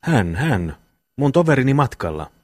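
A man's voice: mid-range voice, sing-song, no room sound, clean studio sound, pitched above the performer's own voice. A man voicing a dazed young man who speaks solemnly and ominously after a fright. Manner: solemn, prophetic talk.

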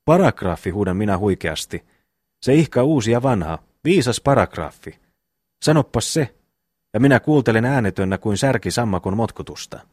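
A man voicing a loud, hot-tempered eldest brother who gives orders and blusters in an audiobook reading. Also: lowish voice, lively intonation, no room sound, clean studio sound. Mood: blustering. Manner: blustering, commanding.

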